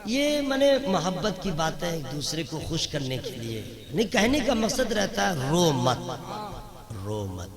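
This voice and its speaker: A man giving a religious sermon at a public gathering, swinging from loud chanted lines to quick conversational asides and mimicked voices. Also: high-pitched, big pitch swings. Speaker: religious speaker. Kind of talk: Urdu religious sermon to a crowd. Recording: crowd noise behind. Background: crowd.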